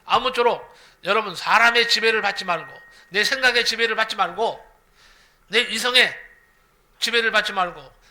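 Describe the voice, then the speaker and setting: A man's voice: high-pitched, a little hiss or hum. A male pastor preaching a sermon, telling a story and asking the congregation questions. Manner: lively, repeats phrases, asks the congregation questions.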